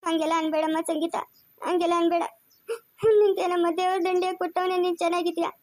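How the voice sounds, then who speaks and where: A poor, older village woman with a rural Chikkaballapur Kannada accent begs for help through tears, as an actress plays her in an amateur family drama. Her voice is high and her words come quickly. She pleads in a tearful, broken way. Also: little pitch movement, no echo. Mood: pleading. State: crying.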